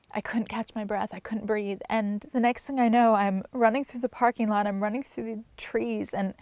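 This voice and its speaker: Middle-aged woman, personal testimony, halting and emotional, dry close sound. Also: on the high side, no echo. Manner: halting, emotional, with pauses and restarts. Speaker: interviewee telling her story.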